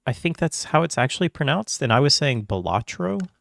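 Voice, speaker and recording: A man chatting casually on his gaming livestream, rambling and confused, with frequent chuckles and throat clearing. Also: on the high side, big pitch swings, fairly quick, no echo. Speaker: livestream gamer. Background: soft background music.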